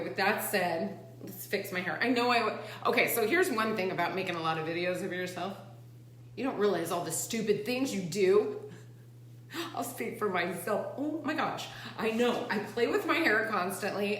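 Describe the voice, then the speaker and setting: A woman talking casually to her phone camera as she shows her apartment, chatty and animated, laughing often. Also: medium pitch, roomy sound, slight background noise. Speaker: vlogger. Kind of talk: casual vlog chat.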